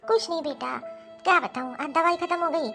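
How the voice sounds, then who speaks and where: A woman voicing a frail, elderly mother-in-law in an animated story, speaking weakly and gently. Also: very high-pitched, brisk, faint music behind, voice pushed up, heavily acted. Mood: weary, gentle.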